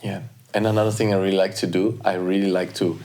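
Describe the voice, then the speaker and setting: A man on a podcast, leading listeners through a guided reflection in a treatment room with earnest, encouraging words that swing from soft to fiery. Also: deep voice, flat delivery, quick pace, a little hiss or hum. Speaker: podcast co-host or guest.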